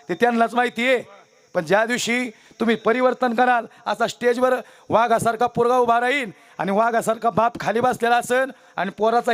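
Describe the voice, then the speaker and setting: A man preaching a devotional kirtan sermon on stage, fervent and exhorting, speaking directly to a seated audience and weaving in stories. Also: high-pitched.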